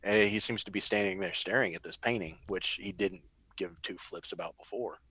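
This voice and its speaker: A man's voice: low voice, brisk, bright, forceful tone, breathy edge, no echo. A man narrating as game master, describing scenes in a rambling way with frequent restarts.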